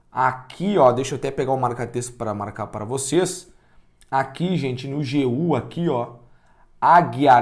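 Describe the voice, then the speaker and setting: A man with a Brazilian Portuguese accent teaching a class, energetic, asking the students questions and counting out loud. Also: fairly high pitch. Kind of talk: online class lecture.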